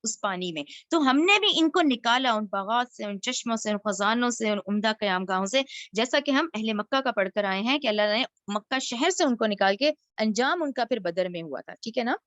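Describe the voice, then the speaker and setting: A woman teaching a Quran lesson, reciting each Arabic phrase slowly and then explaining it in casual spoken Urdu. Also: a little high, animated, a bit bright, no room sound. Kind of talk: word-by-word Quran translation lesson.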